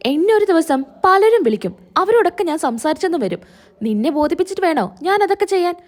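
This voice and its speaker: A woman's voice: extremely high pitch, very animated, fast, voice pushed up. A woman reading the lines of a cold, dismissive young husband in a story recap, in a curt voice. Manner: curt, brushing her off.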